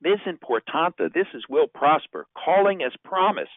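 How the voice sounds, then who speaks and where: A man's voice: a little high, very animated, normal speed, no echo, narrow, tinny audio, pitched above the performer's own voice. A man voicing a polite, confident salesman leaving a scripted voicemail message. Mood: assured.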